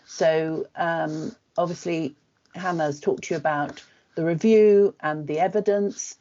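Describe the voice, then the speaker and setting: A woman presenting her organisation's work on a video call, brisk and with frequent ums. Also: low voice, steady tone, warm tone. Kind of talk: webinar presentation. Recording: muffled video call audio.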